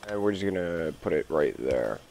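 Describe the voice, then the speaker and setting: Gameplay host, male, gravelly and groggy, unhurried, lively rise and fall, chats to his machines. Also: slight background noise. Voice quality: deep, gravelly voice. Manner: rambling, talks to the game's machines as he builds. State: groggy from early morning recording. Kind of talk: casual gameplay commentary.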